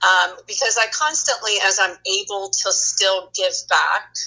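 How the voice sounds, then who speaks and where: A reflective woman of fifty with a bright, forward tone and a slightly husky edge. She talks casually, pausing on fillers and restarting her sentences as she thinks aloud. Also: medium pitch, low-quality recording. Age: 50s. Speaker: guest. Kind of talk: casual conversation.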